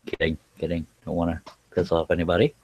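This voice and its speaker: A man's voice: low voice, completely flat delivery, fast talker, darkish tone, poor audio. A man chatting casually as he hosts a workshop livestream, folksy and joking in manner. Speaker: livestream host, scroll saw craftsman. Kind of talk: casual live chat while working.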